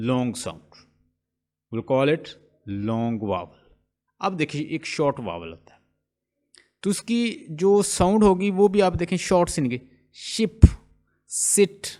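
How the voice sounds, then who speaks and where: Man, online linguistics teacher, very slow unhurried delivery, repeats example words. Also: fairly high pitch, darkish tone. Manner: slow, explaining step by step, mixing English terms into speech; repeats and drawls out example sounds. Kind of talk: online lecture.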